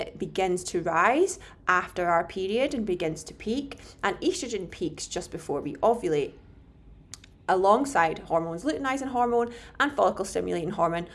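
A woman hosting a podcast in a casual, explanatory way, frank and self-deprecating, recorded in a slightly echoey room. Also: fairly low pitch. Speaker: podcast host and nutritionist. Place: indoor room, home recording.

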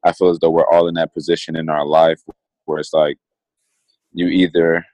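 A young man in his twenties speaks with a very low, deep voice, close and dry with no room sound. He co-hosts a casual podcast, talking earnestly and reflectively and circling back over his own phrases as he thinks aloud. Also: little pitch movement, moderate pace, darkish tone, dry recording. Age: 20s. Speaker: podcast co-host.

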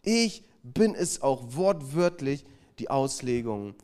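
A man preaching a sermon and retelling a story, emphatic, swinging from loud stresses to hushed passages, with chatty asides to the congregation. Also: medium pitch, sing-song, slow. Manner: conversational asides to the audience. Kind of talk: sermon with retold anecdote.

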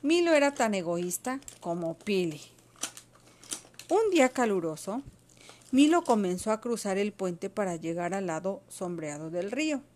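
A woman's voice: mid-range voice, animated, a little slow, a little mellow, a little hiss or hum. Woman reading a storybook aloud expressively.

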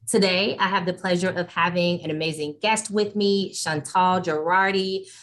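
A woman's voice: lowish voice, fairly even intonation, normal speed, a bit bright. Upbeat woman hosting a podcast. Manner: upbeat, chatty, list-making. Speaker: podcast host.

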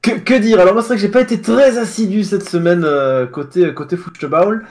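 A man with a Southern French accent and a slightly high voice, chatting about football. He stalls and restarts often, feeling his way through each thought. The tone is relaxed talk among friends. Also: brisk. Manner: hesitant, many restarts, laughs easily. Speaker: co-host of a football show. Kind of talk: casual football banter.

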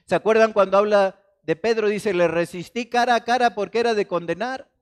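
A man from Mexico, a pastor preaching a sermon in church, swinging between loud emphasis and soft, hushed quotations. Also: high-pitched, fairly quick, clean tone. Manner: dramatic, shifts between loud emphasis and soft quoted asides.

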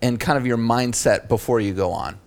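A man hosting a podcast interview, easygoing, prompting his guest with quick questions. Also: mid-range voice, vocal fry. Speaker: podcast host. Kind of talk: casual interview.

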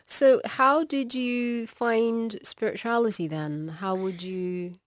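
A woman's voice: a little high, slow pace, no echo, studio quality. Woman hosting an interview. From Australia. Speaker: podcast host, yoga teacher. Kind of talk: casual interview.

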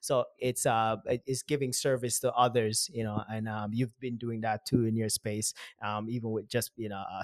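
A man's voice: medium pitch, no echo, clean studio sound. A man hosting a podcast in a casual, rambling way, repeating phrases for emphasis. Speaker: podcast host. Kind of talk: casual chat.

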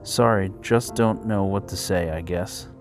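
A man's voice: deep voice, measured pace. A man voicing an awkward, nervous young man who talks hesitantly and apologetically, over faint background music.

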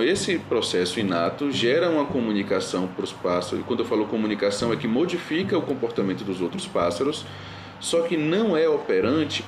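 A man's voice: mid-range voice, reverberant, slight background noise. A man teaching an online lecture in a patient, reassuring manner and answering students' questions.

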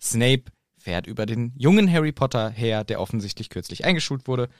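A man's voice: mid-range voice, lively intonation, a little fast, no echo. Casual male podcast co-host, dry sound. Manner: playful, acts out quotes in mock voices. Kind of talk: casual chat retelling a book chapter.

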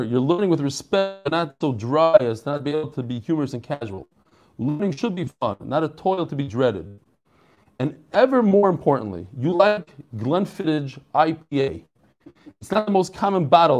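Lively joking man teaching Talmud. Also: on the high side. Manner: joking and animated, sprinkles in Hebrew and Yiddish terms; frequent restarts and self-corrections. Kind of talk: casual daily Talmud class.

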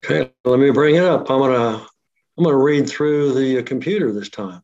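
A man reading his memoir aloud at a steady, measured pace, his voice coming through a laptop speaker on a remote line. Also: mid-range voice. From Oklahoma City. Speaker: guest author. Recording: dull lo-fi remote audio.

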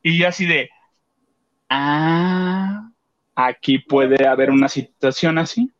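A man's voice: medium pitch, steady tone, moderate pace, muffled recording. A man with a Mexican accent chatting on a radio show, telling a story animatedly and acting out the voices of the people in it. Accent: Mexican Spanish. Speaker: co-host. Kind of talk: casual chat, retelling a theater outing.

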